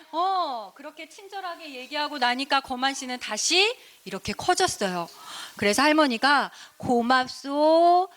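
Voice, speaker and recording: A woman deacon telling a story in a children's sermon, animated and asking the children questions. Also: sits high.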